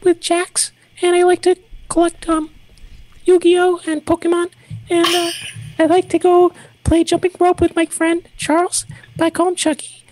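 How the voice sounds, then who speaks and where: A woman doing a squeaky chipmunk-voiced little boy. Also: monotone, moderate pace, noisy background. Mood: giddy. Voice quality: high squeaky chipmunk-like child voice. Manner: childish singsong storytelling. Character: giddy rambling little boy. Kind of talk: improvised comedy bit on a podcast.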